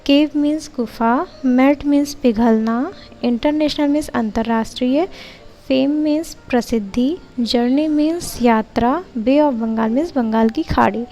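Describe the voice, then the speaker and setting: High-voiced woman with a mellow tone. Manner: methodical, steps read out in a measured way. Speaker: teacher-training tutor. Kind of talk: explaining a lesson plan.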